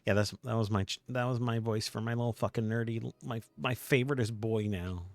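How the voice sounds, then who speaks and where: A man's voice: medium pitch, fairly even intonation, fairly quick, no echo. A man streaming a video game, chatting casually with swearing and laughing asides.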